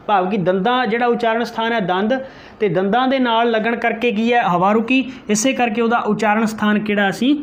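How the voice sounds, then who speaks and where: A male teacher giving an exam-prep grammar lesson, repeating key terms, slowly sounding out example letters and answering his own questions. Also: very high voice.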